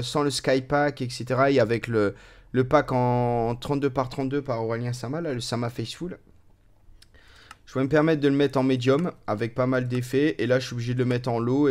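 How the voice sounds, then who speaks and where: A man hosting a let's play, giving casual, playful gameplay commentary with lots of fillers and lively swings in pitch and loudness.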